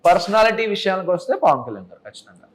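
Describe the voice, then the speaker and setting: A man's voice: high-pitched, big pitch swings, very fast, a little hiss or hum. A young man being interviewed in a casual chat, talking earnestly and mixing English words into his Telugu. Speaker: interview guest.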